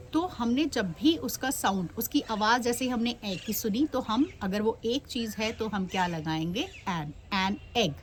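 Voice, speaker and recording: A woman teaching English grammar to children, her voice sitting a little high. She asks questions and answers them herself, slipping English phrases into her Hindi, with faint noise behind her.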